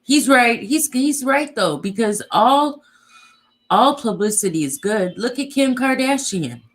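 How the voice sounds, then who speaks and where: A woman chatting casually in a discussion, with a measured, conciliatory way of talking. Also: on the high side, animated.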